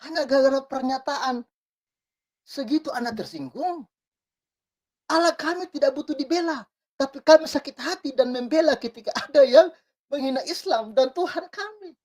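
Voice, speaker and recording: A woman's voice: high voice, animated, normal speed, darkish tone. A woman, reading out news and online comments and adding wry, preacher-like remarks, often asking for agreement. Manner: reads text aloud then adds wry remarks, often asks "ya kan?". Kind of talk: casual spoken commentary on a news item.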